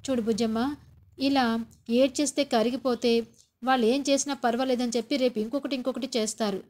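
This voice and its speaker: A woman's voice: a little high, fairly even intonation, brisk, a little mellow, close to an everyday voice. A woman voicing a stern, angry older father-in-law who scolds his family in a retold TV serial. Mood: scolding. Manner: scolding, lecturing.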